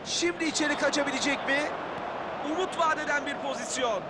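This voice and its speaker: A man calling a football match play by play, raising his voice to shouts on attacks and goals. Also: very high voice, brisk. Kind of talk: excited match commentary. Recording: loud stadium crowd noise over commentary. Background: roaring stadium crowd.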